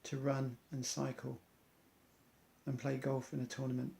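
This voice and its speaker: A man's voice: mid-range voice, monotone, unhurried, creaky, warm tone. A man, an amateur athlete, earnestly reciting an inspirational monologue in loose rhymes.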